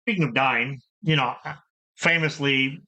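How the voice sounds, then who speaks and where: A middle-aged man with a bright, forward voice, hosting a relaxed group conversation. He tells long stories, often restarting and repeating words. His pitch stays in an ordinary middle range. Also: unhurried, muffled recording. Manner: rambling, repeats words, animated storytelling. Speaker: channel host. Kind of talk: casual group chat about gaming.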